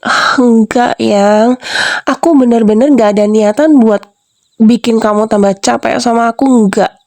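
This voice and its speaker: ASMR role-play: a young woman as a clingy, pushy wife, higher voice with gravelly fry, dry close sound. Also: steady tone, a little slow, a little mellow, dry recording. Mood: defensive. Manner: doting, then repeatedly questioning and defensive.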